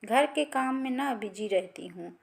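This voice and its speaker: A woman's voice: on the high side, lively intonation, measured pace, gravelly. A woman storyteller voicing a friendly young woman calling her friend. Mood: chatty.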